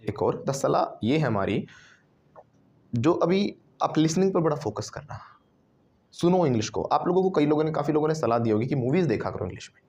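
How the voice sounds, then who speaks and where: Leading his students in call-and-response drills, an Indian-accented man teaches spoken English with lively energy. He talks a little fast, and his pitch sits slightly high.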